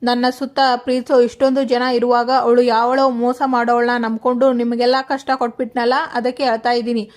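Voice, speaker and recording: A woman with a Kannada accent reading the lines of a remorseful, weeping father in an even way. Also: fairly high pitch, a little fast, close to an everyday voice.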